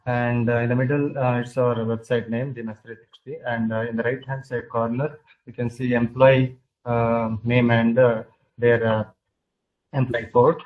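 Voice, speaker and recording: A man pitching his team's project in a product demo, talking over a video call while sharing his screen, halting and full of filler sounds. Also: little pitch movement. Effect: video call audio while sharing his screen. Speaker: hackathon team presenter. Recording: muffled video call audio.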